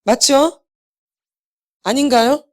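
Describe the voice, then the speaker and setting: A woman's voice: sits high, slow pace, a little mellow. A woman preaching a healing sermon to a congregation, repeating key phrases and asking questions she answers herself. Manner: asks the congregation rhetorical questions and answers them. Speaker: healing ministry lecturer.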